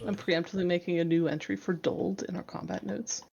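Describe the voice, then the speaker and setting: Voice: mid-range voice, fairly even intonation, fairly quick, gravelly, darkish tone, slightly rough, lo-fi sound, soft background music. A playful player describing what her character does in a tabletop game, chatting casually.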